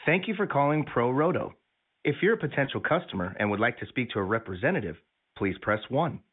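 A man reading a recorded phone menu message in an even, formal way. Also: mid-range voice, fast, slightly rough. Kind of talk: scripted phone menu announcement. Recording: tinny phone line.

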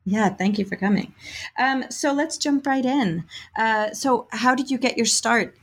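A woman's voice: a little high, measured pace, a bit bright. A woman hosting a book podcast, asking a guest questions in a friendly, encouraging way. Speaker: podcast host. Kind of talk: podcast interview.

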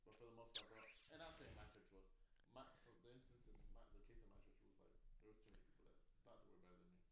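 A man's voice: on the low side, rapid-fire, background noise. A young man hosting a casual chat podcast, talking in loose slang peppered with bro and man. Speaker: podcast host.

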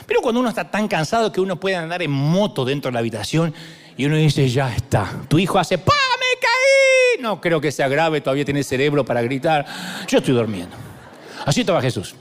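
A middle-aged man preaching a sermon as pastor, animated and humorous, acting out scenes with shouted quotes. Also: on the high side, fast.

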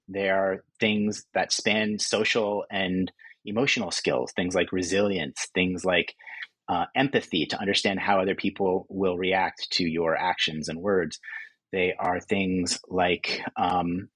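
A man's voice: low voice, unhurried, a bit bright, breathy edge, no room sound, low-quality recording. A man in his forties from California, an author answering interview questions thoughtfully, often restarting his sentences. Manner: thoughtful, with frequent restarts and fillers. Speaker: author and guest.

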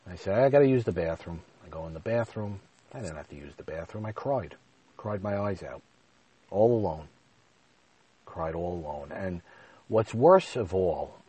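A man's voice: deep voice, warm tone, breathy edge, poor audio. A man in his thirties telling a personal story in an emotional, confessional way.

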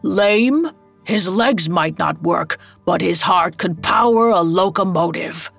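A towering spirit of the present speaks in slow, grave reproach, his voice set lower and rough with grit, as a woman narrator puts him on. Every word lands like a judgment in this audio storybook. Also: fairly bright tone, soft background music, heavily acted. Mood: solemn. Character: stern ghost of Christmas present, male giant.

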